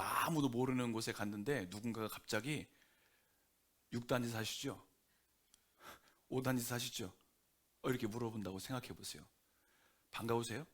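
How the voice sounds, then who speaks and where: A man preaching a Sunday sermon as pastor, conversational and lively, often acting out quotes. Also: mid-range voice. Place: church sanctuary.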